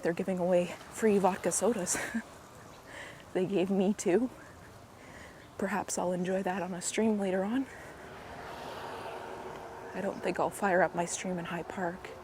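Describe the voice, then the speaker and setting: A walking vlogger, hoarse and a bit raspy from a cold, gives casual commentary in a slightly deep voice as she moves through a park, frequently dropping into soft asides. Her handheld gimbal camera mic picks up background noise and faint outdoor ambience.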